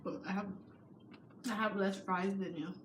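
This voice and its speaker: A woman's voice: mid-range voice, fairly even intonation, normal speed. A female mukbang co-host chatting casually with a younger sibling while eating crunchy fried chicken. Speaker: older sister co-host. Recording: echoey, noisy room.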